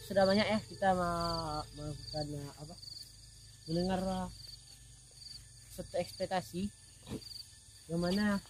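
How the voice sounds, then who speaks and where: A man with a fairly high voice hosts a casual night exploration vlog. He speaks haltingly to his viewers, out in the open with faint insect noise behind him. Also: steady tone. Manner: halting, addresses viewers as friends. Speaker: vlog host. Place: outdoors at night in rice fields.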